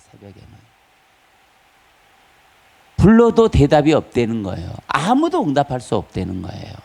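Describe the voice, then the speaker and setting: A man pastor preaching a Sunday sermon, asking the congregation questions and rising high on key words for emphasis. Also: gravelly, darkish tone. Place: church sanctuary.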